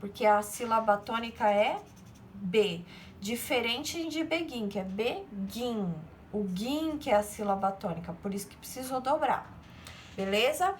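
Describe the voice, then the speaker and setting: A woman teacher walks through a recorded grammar lesson, her voice sitting a little high. She explains each step patiently and keeps checking that her pupils follow along. A faint hiss of background noise runs under her voice-over. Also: animated, moderate pace. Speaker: English teacher.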